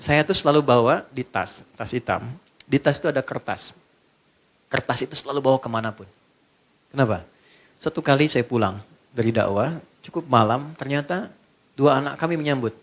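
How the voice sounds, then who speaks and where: A middle-aged man preaching a sermon, joking and quizzing his audience as he goes. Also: mid-range voice.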